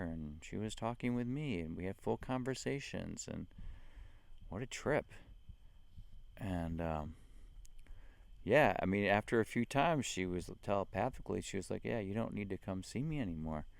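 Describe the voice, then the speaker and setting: A man talking slowly and earnestly about spiritual experiences into a handheld mic, with many fillers and soft laughs. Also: fairly low pitch, expressive, creaky. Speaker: spiritual vlogger. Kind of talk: casual spiritual talk to camera.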